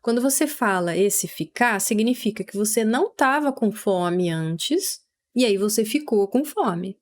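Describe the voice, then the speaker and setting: A Brazilian woman teaching English vocabulary, patiently explaining and repeating words slowly for pronunciation. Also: mid-range voice, animated. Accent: Brazilian Portuguese.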